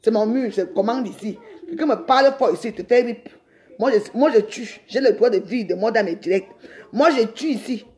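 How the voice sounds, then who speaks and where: A woman's voice: on the high side, moderate pace, a little mellow. A middle-aged woman, ranting defiantly on a live stream and rambling with repeated words. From Cameroon. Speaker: social media livestreamer.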